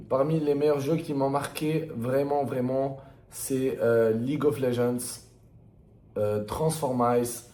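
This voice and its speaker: A young adult male gamer shares memories in an echoey room, rambling casually with enthusiasm, slang, and emphatic repetition. French is not his native language; video games taught it to him. His medium-pitched voice is a little mellow, with some hiss or hum in the recording.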